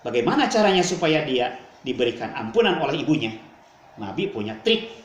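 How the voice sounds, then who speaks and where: A man preaching a storytelling sermon to a congregation in a dramatic, animated way. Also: medium pitch, brisk. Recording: echoey room, faint ambience.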